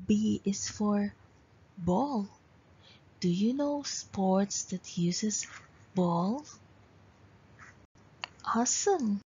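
Very slow, singsong woman teaching small children. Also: a little high, darkish tone, breathy edge. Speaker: kindergarten English teacher. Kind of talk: slow, instructional children's lesson. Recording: dull, lo-fi home recording.

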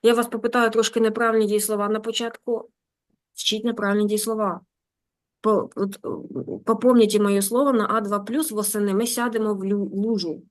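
A woman teaching German online. She reads a story aloud slowly and translates it with quick explanatory asides. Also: medium pitch, flat delivery.

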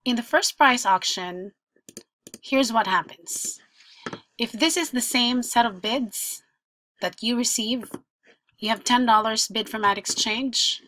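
A woman's voice: fairly high pitch, slow, long pauses, pushed and bright, dry recording. A woman presenting a screen-share tutorial, talking through each example step by step in an explanatory way.

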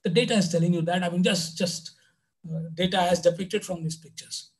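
High-voiced man. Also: steady tone, a little fast, low-quality recording. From India. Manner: conversational, with frequent "you know" asides. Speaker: lecturer. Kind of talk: online math lecture.

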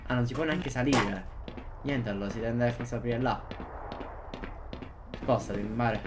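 Gaming commentator, male, excitable, loud background noise. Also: mid-range voice, normal speed. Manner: excitable, exclaiming and repeating himself. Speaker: gaming youtuber. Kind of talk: gameplay commentary.

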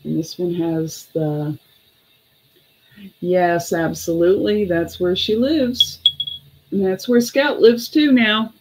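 Unhurried middle-aged woman, casual auctioneer. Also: lowish voice, a little hiss or hum, poor audio. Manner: informal auctioneer, calling bids and prices between chatty asides; unhurried, with pauses. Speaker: online auction host selling vintage glass. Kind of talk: casual live-sale chat. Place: small home room, indoors.

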